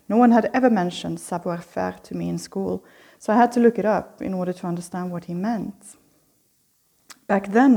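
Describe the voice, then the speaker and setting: In a medium-pitched, mellow voice, the middle-aged Swedish host reflectively reads out the prepared opening lecture of her lecture series. The pace stays measured throughout.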